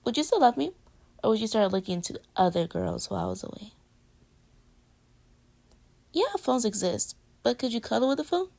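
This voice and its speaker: Playing a playful, affectionate girlfriend, a woman voice actor teases her partner in casual, intimate pillow-talk roleplay, conversational and full of giggles, playful and curious in mood. Her voice is a little high, gravelly and a little mellow, very animated, at a moderate pace with long pauses.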